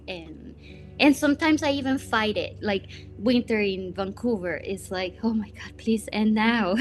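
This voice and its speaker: A woman from Costa Rica, a watercolor artist in her thirties, talking thoughtfully about her work with many fillers. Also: medium pitch. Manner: thoughtful, with frequent fillers and soft laughs. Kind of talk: reflective personal interview.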